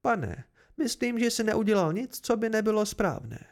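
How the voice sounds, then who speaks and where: A fierce, haughty noblewoman, put on by a man reading an amateur audiobook snaps out her words. The voice sits somewhat high with a gravelly edge. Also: big pitch swings. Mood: gracious. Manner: sharp, indignant outbursts.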